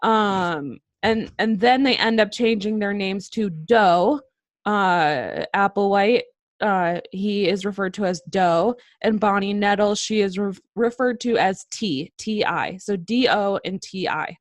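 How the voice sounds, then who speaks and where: Slow, hesitant young woman storyteller. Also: mid-range voice, dry recording. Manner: hesitant, many ums and restarts. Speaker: podcast co-host. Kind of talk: casual podcast chat, storytelling.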